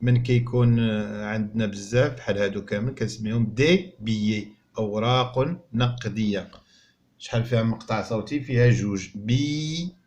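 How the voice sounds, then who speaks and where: Moroccan teacher sounding out words slowly. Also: male voice, lowish voice, a little mellow, dull audio. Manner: sounds out French words slowly and clearly, then explains quickly. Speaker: primary school teacher. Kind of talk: French reading lesson explained in Moroccan Arabic.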